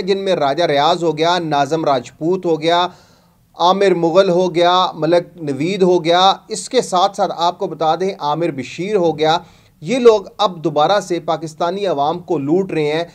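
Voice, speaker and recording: Male host, high voice, preacherly and accusatory scam-warning commentary.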